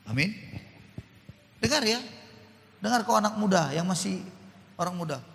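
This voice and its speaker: A man with a Batak accent preaching a sermon as a pastor, swinging from quiet asides to loud exclamations. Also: sits high, lively intonation, moderate pace, creaky. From North Sumatra. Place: church hall. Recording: reverberant church hall.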